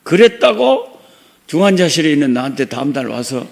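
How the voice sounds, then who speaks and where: A man's voice: a little high, sing-song, brisk, creaky, a little hiss or hum. A middle-aged man preaching a sermon in church as pastor, telling a personal story and acting out the voices of the people in it. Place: church sanctuary.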